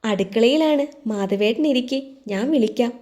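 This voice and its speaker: A woman's voice: fairly high pitch, normal speed, warm tone, close to an everyday voice. A woman voicing a playful, teasing young schoolgirl in an audio story. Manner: teasing, eager.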